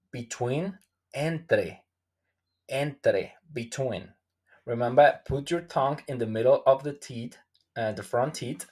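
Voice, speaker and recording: A man's voice: mid-range voice, darkish tone. A man teaching a language lesson who repeats each phrase several times, checks in with "okay?", and makes small grammar slips in English. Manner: speaks English with non-native grammar slips. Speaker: Spanish teacher.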